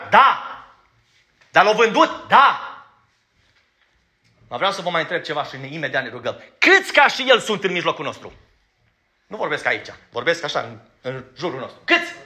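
A man preaching a sermon in a church, emphatic and blunt, asking his congregation direct questions and sometimes stumbling over his words as he rushes. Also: fairly high pitch, very animated, bright, forceful tone. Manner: stumbles when rushing.

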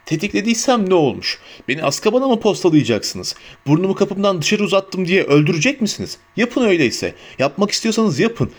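Guy doing a grumpy old barman, hoarse and gruff, snappy and scornful, audiobook voice. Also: sits high, sing-song, a little fast, hardly any pauses, pitched above the performer's own voice. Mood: angry, scornful. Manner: barking retorts, scornful. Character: grumpy old male barman, hot-tempered and defiant. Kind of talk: audiobook character voice.

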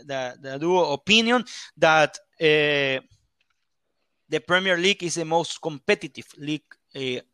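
A man from Ecuador, a football pundit in an interview, halting as he searches for English words. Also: on the high side, bright, forceful tone, clear, resonant tone, no echo.

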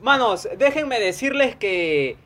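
A man's voice: very high voice, big pitch swings, slow, fairly bright tone. A young man with a Peruvian accent, joking around as co-host of a casual podcast. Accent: Peruvian Spanish. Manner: joking, teasing banter. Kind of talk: casual chat.

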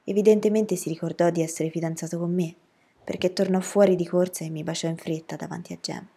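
A woman reading a novel aloud as an audiobook narrator, telling the story in an even, steady way. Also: on the low side, fast talker, slightly rough.

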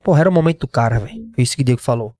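A man in his twenties with a Northeastern Brazilian accent, telling his story as a podcast guest, slangy and animated, acting out what others said. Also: mid-range voice, rapid-fire, no room sound. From Pernambuco, Brazil. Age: 20s. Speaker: guest, MMA fighter.

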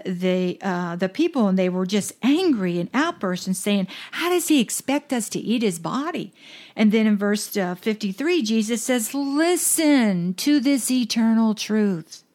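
Woman minister, mid-pitch, earnest scripture reader who slows for emphasis. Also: darkish tone. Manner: earnest, slows down to stress verses. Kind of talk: reading and explaining scripture.

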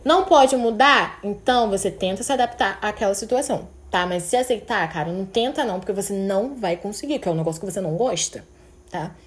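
A woman's voice: mid-range voice, fast. Young woman podcasting, open and emotional, talks straight from the heart. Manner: emotional, candid, tearful at times. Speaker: podcast host. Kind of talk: personal confessional podcast.

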